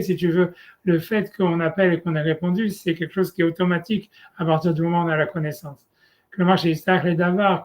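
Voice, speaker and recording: In a casual one-on-one Torah lesson, a male rabbi with a slightly high voice teaches hesitantly. He leans on fillers and "tu vois" and weaves Hebrew terms into his French.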